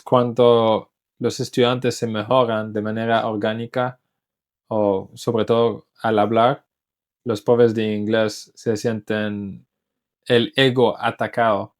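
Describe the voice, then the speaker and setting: A native English speaker who teaches English talks casually to camera in Spanish with a medium-pitched voice. He's thoughtful and frequently restarts words while searching for them.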